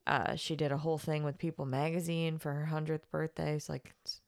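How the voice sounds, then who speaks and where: A woman's voice: low voice, level tone, brisk, gravelly, darkish tone, no room sound, studio quality. A woman co-hosting a casual podcast, sounding congested after crying, giggly and rambling. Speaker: podcast co-host. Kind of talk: casual chat.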